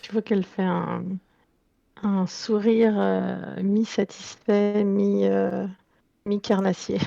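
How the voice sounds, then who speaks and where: Slow, flat, gravelly woman player. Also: mid-range voice, no echo, highs cut off. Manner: slow, measured, with pauses. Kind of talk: describing her character's actions in a tabletop game.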